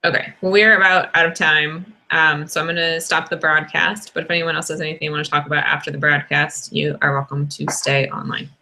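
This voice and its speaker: A woman hosting an online developer meeting and wrapping it up briskly. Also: low-pitched, flat delivery, vocal fry, pushed and bright, low-quality recording. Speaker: meeting host. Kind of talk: casual meeting talk.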